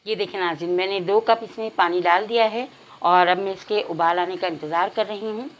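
A woman hosting a cooking channel, giving calm step-by-step recipe instructions to her viewers in a home kitchen. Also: medium pitch, brisk, poor audio.

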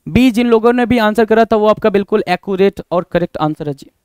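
Indian man, English teacher, live online class, high smooth voice, dry close sound, repeats points, rhetorical questions. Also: a little fast, darkish tone, dry recording. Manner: addresses students as bhai, answers chat comments by name.

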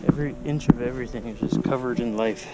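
A man narrating a casual travel vlog on a mountain trail, relaxed and joking, recorded on an action camera outdoors. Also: medium pitch, fast talker, over loud music, rough recording. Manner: relaxed, joking, laughs often. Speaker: travel vlogger.

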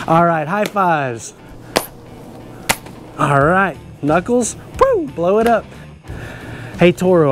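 A middle-aged man hosting a children's show as a cowboy, touring a stadium locker room with big enthusiasm and frequent laughs. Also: fairly high pitch. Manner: enthusiastic, exclamatory, laughs often. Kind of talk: upbeat kids' show tour hosting.

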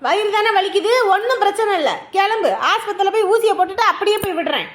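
A woman's voice: very high-pitched, fast talker. A woman playing a strict mother who scolds her son and argues with her mother-in-law. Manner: scolding, sharp, teasing. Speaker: mother in a family comedy. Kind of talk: village family comedy acting.

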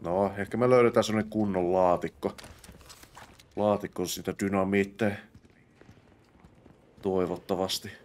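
Low-voiced Finnish man playing a game. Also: steady tone, pauses often, a little mellow. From Finland. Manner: mutters to himself, bursts into exclamations in fights. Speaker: let's play host. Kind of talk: casual gameplay commentary.

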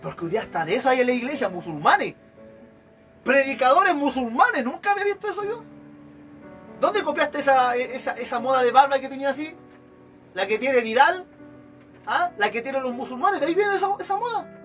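A man with a Chilean accent delivers an evangelical sermon in a high voice. He keeps mimicking the people he talks about, so his pitch leaps and falls. Soft music plays under him. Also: a little fast, pauses often. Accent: Chilean Spanish. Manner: animated, acts out examples of church members. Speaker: preacher.

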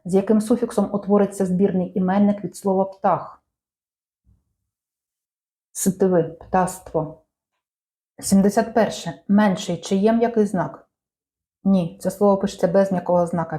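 A woman reading out language quiz questions and answers in a measured, clear teaching manner. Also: lowish voice, dark tone. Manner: measured, clear dictation-like delivery.

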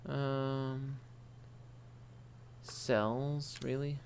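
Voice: mid-range voice, little pitch movement, very slow, a little mellow, a little hiss or hum. A scared, jumpy horror game streamer muttering and swearing in exasperation while commenting on play. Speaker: gaming video creator.

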